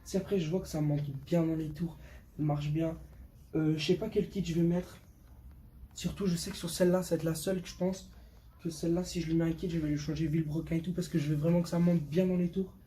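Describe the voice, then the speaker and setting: A fifteen-year-old Portuguese boy vlogs about his motorbike in a fairly high, mellow voice, speaking fast with fairly even intonation. His casual, unscripted chatter is slangy and repeats words for emphasis. The recording is clear apart from background noise.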